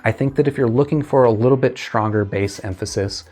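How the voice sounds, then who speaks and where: A man's voice: mid-range voice, a little fast, a little mellow, faint music behind. A man giving a casual spoken earphone review, rambling and correcting himself with lots of fillers.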